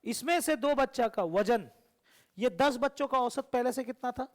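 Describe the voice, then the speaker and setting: A man's voice: extremely high pitch, moderate pace. A man teaching a math lesson to a classroom. He keeps quizzing and teasing the students with repeated questions. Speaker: coaching teacher.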